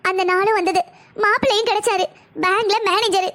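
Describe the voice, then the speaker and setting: A woman's voice: very high-pitched, steady tone, brisk, a bit bright. A woman voicing a distraught middle-aged mother in a cartoon, talking in a tearful, pleading way. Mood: sorrowful. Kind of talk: cartoon voice acting.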